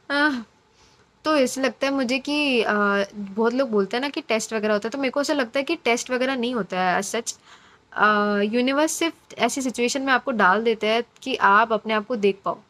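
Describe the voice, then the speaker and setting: A woman's voice: a little high, normal speed, a bit bright. A woman giving a casual, encouraging intuitive reading to her viewers, chatty and repeating phrases for emphasis. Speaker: intuitive card reader.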